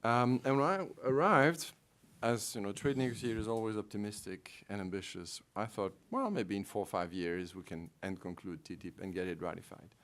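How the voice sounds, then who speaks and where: Speaking on a panel, this middle-aged trade negotiator has a French-speaking Belgian accent and a fairly low but slightly bright voice. His remarks are hesitant, peppered with ums and false starts.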